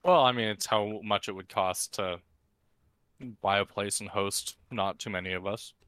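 A man who is high, hosting a casual, unscripted podcast chat in a laid-back stoner manner. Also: steady tone, moderate pace, a bit bright, smooth. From Canada. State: high on cannabis. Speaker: podcast host.

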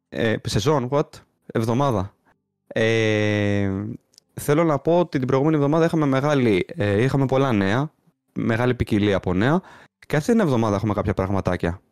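A man's voice: medium pitch, expressive, darkish tone, dry recording, clean studio sound. A man with a mainland Greek accent hosting a podcast in casual chat. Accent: Greek, from Greece. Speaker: podcast host.

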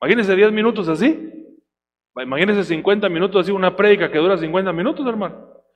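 A male preacher giving a sermon. He calls his listeners brother, teases them for not saying amen, and reads Bible verses slowly in a loud, drawn-out voice. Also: sits high, muffled recording. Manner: slow, shouted readings of Bible verses. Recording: long hall reverb, faint hum.

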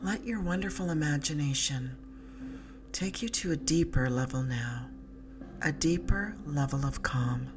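Woman, sleep story narrator, guided relaxation, low pitch, very slow pacing, hushed and breathy, soothing, whispery phrase endings. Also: expressive. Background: slow music with drum beat.

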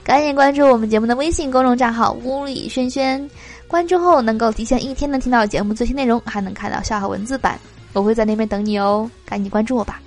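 Woman podcast host, higher voice, chatty joke reader, faint music bed. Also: fast. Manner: chatty, laughing between jokes. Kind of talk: reading jokes aloud.

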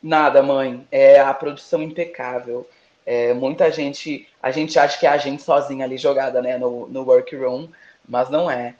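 A man's voice: medium pitch, steady tone, normal speed, a little mellow. A man, a drag queen guest, chatting playfully in campy slang about competing. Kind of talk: casual interview chat. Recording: roomy, dull lo-fi sound.

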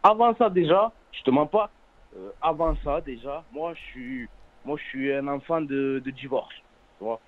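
A man's voice: medium pitch, lively intonation. Young French suburban man, slangy, tinny phone. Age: 20s. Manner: earnest, halting, repeats oaths and words. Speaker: phone-in caller. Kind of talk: casual chat in French suburb street slang. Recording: narrow, tinny phone-line sound.

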